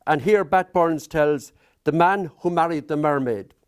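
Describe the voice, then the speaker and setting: Man presenting, slightly high voice. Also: a little slow, noisy background. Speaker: presenter introducing a storyteller. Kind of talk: live event introduction.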